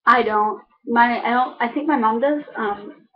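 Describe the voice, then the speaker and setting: A woman's voice: on the high side, measured pace. A young woman from the Chicago suburbs with a Chicago accent, chatting casually in an informal, rambling, opinionated way. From Chicago suburbs, United States. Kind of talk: casual chat to camera. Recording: dull lo-fi microphone.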